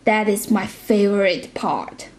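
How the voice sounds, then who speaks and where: A woman's voice: medium pitch, slow pace, low-quality recording. A woman giving a casual cooking tutorial in her home kitchen, chatty and direct, with slightly non-native phrasing. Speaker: cooking vlogger.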